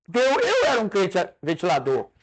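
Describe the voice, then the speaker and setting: A Brazilian man preaching a sermon to his congregation, conversational and animated, with jokes and stage demonstrations. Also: high-pitched, fairly quick, a little hiss or hum. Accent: Brazilian Portuguese.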